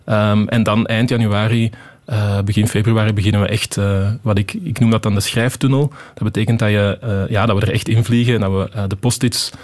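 A Flemish man in his thirties talks as a guest on a radio interview. His voice sits fairly low, and he pauses often, filling the gaps with ehm and eh as he thinks aloud. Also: steady tone, darkish tone. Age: 30s. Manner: hesitant, many ehm fillers, thinking aloud. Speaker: TV screenwriter guest. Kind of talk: radio interview, casual answers.

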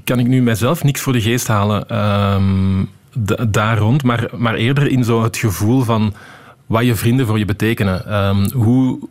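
A man's voice: lowish voice, moderate pace, a little mellow. Hesitant Flemish man in his thirties. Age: 30s. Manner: hesitant, many ehm fillers, thinking aloud. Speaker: TV screenwriter guest. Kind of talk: radio interview, casual answers.

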